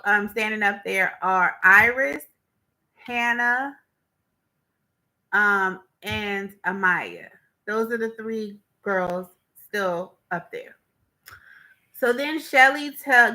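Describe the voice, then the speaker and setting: Woman, bright tone, casual recap, chatty, animated storytelling, mid-pitched. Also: poor audio. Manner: animated retelling, acts out quotes, chatty with fillers. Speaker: reality show recapper.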